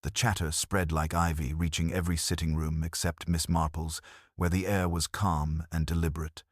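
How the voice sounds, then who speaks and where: A man calmly narrating a mystery audiobook in a measured reading. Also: very deep voice, dry recording, clean studio sound.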